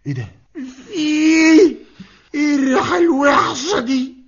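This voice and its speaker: An actor playing a sarcastic, teasing husband with an Egyptian accent in a comic radio sketch. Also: male voice, very high-pitched, normal speed. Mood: mocking. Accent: Egyptian Arabic. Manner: sarcastic, mocking, laughing jabs. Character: mocking Egyptian husband who teases his wife. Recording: dull lo-fi radio archive.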